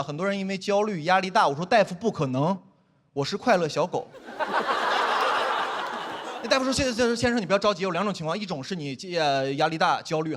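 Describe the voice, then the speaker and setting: A man's voice: high-pitched, a little hiss or hum. A young man performing a self-mocking stand-up comedy set on stage before a live audience. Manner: animated, self-mocking punchlines.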